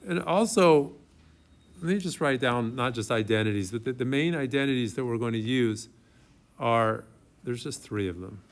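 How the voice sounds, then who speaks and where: A man gives a classroom math lecture in a mid-pitched voice. He talks informally, thinking aloud as he writes, and often turns to the students with a question. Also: moderate pace. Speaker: math professor. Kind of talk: classroom lecture, working through problems aloud.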